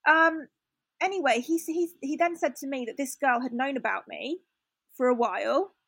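Chatty young woman with a gravelly voice. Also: high voice, normal speed, fairly bright tone, dry recording. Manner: candid, chatty, many fillers and restarts. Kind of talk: casual storytelling chat.

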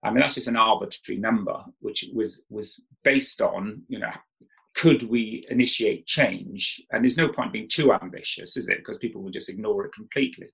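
Gravelly man explaining. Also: on the low side, moderate pace, sharp tone, rough recording. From Wales. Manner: explanatory, informal, with frequent restarts. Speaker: professor, expert guest. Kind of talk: conversational interview.

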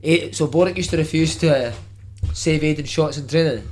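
A man's voice: a little high, brisk, a little mellow. A man with a Glasgow accent telling casual anecdotes in matey, sweary street vernacular, over background noise. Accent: Glasgow, Scottish.

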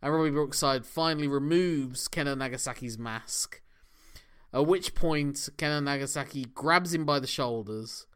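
A man's voice: medium pitch, unhurried, fairly bright tone, clear, resonant tone. A man co-hosting a podcast, talking through wrestling matches in a chatty, analytical way with frequent laughs. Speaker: podcast co-host. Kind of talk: casual wrestling discussion.

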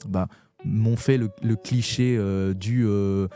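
A young man from France, a poet guest on a podcast, talking frankly and hesitantly in a casual conversation, with many pauses and restarts. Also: lowish voice, fairly even intonation, warm tone, soft background music.

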